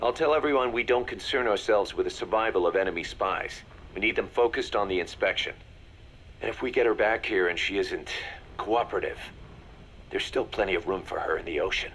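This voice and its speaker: In a video game audio drama, a man with a lowish, slightly bright voice plays a shrewd, hard-nosed mercenary second-in-command. He talks fairly quickly, sounding assured, businesslike, cool and pragmatic, with a little hiss or hum in the background.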